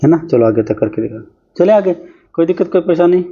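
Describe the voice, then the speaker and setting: Working through exam-prep math problems on screen, this man keeps up a brisk, chatty commentary. His voice is fairly high, expressive, and husky, and the audio is muffled.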